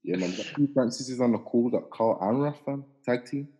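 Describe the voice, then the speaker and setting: A man's voice: mid-range voice, brisk, mellow, husky, muffled recording. A young man with a British urban roadman accent, hosting a casual group podcast with slangy banter. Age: young adult. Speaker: podcast host.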